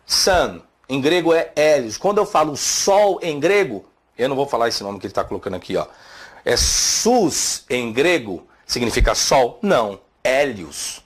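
Guy teaching theology, husky, keeps throwing rhetorical questions. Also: medium pitch, sing-song, moderate pace. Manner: emphatic, posing rhetorical questions. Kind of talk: lecture rebutting a video.

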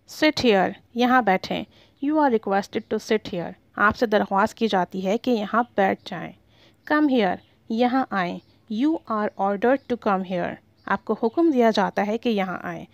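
A woman teaching English grammar, spelling out example sentences slowly and deliberately. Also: medium pitch, no room sound. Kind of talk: slow grammar lesson.

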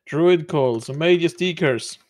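Guy running a raid on voice chat, kinda high voice, dry headset sound, quick orders. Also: darkish tone, no room sound. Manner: brisk, giving orders. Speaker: raid leader. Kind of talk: gaming voice chat.

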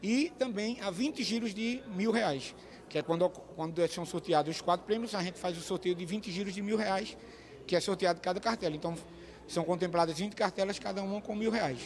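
A Brazilian man in his twenties speaks in a notably high voice. He explains practical details as a spokesman, interviewed indoors on a handheld microphone. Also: a little fast. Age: 20s. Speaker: spokesman for a prize draw. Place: indoor hall. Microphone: handheld press microphones.

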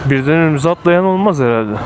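A young man with a fairly high voice vlogs from inside a helmet on a motorbike. His talk is informal, slangy banter. Clear engine and traffic noise runs behind the voice. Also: animated, fast talker. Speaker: motovlogger. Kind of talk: casual chat while riding a motorbike.

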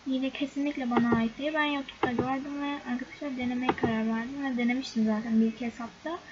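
A woman's voice: high voice, steady tone, fast talker. A young woman chatting casually to her viewers over a game screen recording, often exasperated. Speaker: gaming YouTuber. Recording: dull lo-fi recording with loud background noise.

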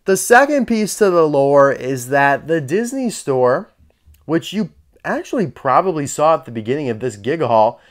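A man's voice: on the high side, very animated, normal speed. A man chatting casually as he unboxes and reviews collectible toy cars, candid and dryly sarcastic.

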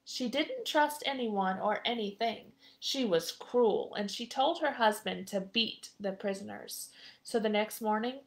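A woman's voice: mid-range voice, creaky. A woman reading a story aloud live for children, breaking off for chatty asides to her young listeners.

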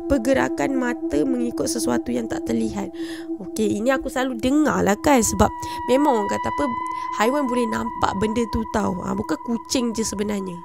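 Chatty Malaysian woman, gravelly edge. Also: on the high side, lively intonation, a little fast. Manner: chatty, explains to viewers, easily spooked. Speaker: reaction vlogger. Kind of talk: casual reaction commentary. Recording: music playing behind.

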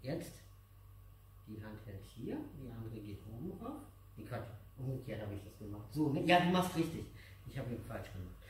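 This aikido instructor, a middle-aged man, has a fairly low, very animated voice at a moderate pace, with slight hiss or hum in the background. He leads a child and viewers through exercises in simple, repeated, encouraging steps. A distant camera microphone captures him in an echoey, large matted dojo indoors.

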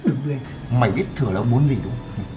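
A man's voice: medium pitch, fast, music in the background, natural voice. An actor playing a lecherous, bullying man who coaxes and then threatens. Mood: threatening. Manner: threatening, coaxing then snarling. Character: lecherous menacing adult man, bullying and crude.

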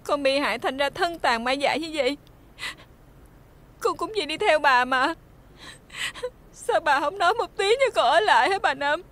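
A wronged young maid, Southern Vietnamese, high-pitched, tearful pleading. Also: female voice, normal speed, pauses often, fairly bright tone. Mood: sobbing. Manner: tearful pleading, breaks into sobs. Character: young maidservant, scalded face, wronged and desperate. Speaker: maidservant. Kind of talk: TV folk-tale drama acting.

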